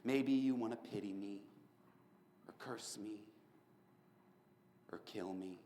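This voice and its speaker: A man's voice: slow pace, slight background noise. A man performing a charming, mocking young serial killer on death row in a competitive prose piece. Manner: sardonic, swinging between loud outbursts and low hushed lines. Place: performance room at a speech competition. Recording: echoey hall reverb.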